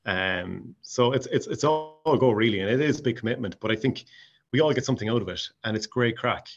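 A man from County Mayo in the west of Ireland chats casually about his hobby as an interview guest; he acts with an amateur drama society. His voice is medium-pitched and a little fast, and the audio sounds dull.

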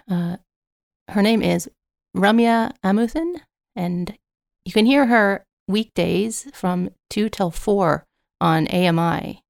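A woman co-hosting a community radio talk show, relaxed and a little hesitant. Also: mid-range voice, creaky, no room sound, studio quality. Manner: relaxed, hesitant, many ums.

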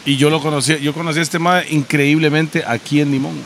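Playful male podcast host, slightly high voice, casual banter. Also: steady tone, a little fast, a bit bright, a little hiss or hum. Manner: joking, playful. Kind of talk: casual chat.

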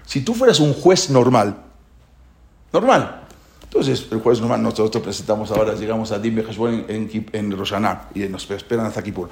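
A man's voice: lowish voice, expressive, moderate pace. A man teaching a religious class who explains the prayers with many rhetorical questions. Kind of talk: Torah class. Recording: echoey room.

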